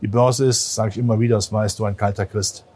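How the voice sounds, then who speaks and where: A man as a market analyst guest in an interview, talking in an animated, emphatic way with many fillers, recorded on a stock exchange trading floor. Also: on the low side, quick pace, breathy edge.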